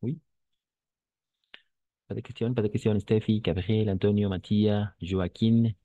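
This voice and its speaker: A man's voice: lowish voice, fairly even intonation, a little slow, dark tone, dry recording, muffled recording. A man teaching a French lesson to Spanish speakers, patient and repetitive, checking often that students understand.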